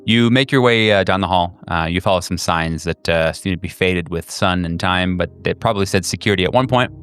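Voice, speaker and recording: A man improvising tabletop game narration as game master, halting as he searches for words. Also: low-pitched, smooth. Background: soft music.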